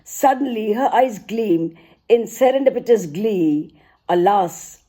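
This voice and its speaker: Middle-aged woman, author at a poetry reading; mellow, mid-pitched voice, measured and hesitant. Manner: unhurried, pausing with frequent hesitations between phrases. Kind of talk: poetry reading and thanks to readers.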